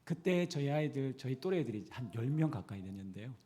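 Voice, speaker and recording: A man's voice: medium pitch, lively intonation, fast talker, dark tone. A male pastor from the Gyeongsang region, preaching a sermon in a church and putting questions to the congregation. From Gyeongsang region, Korea.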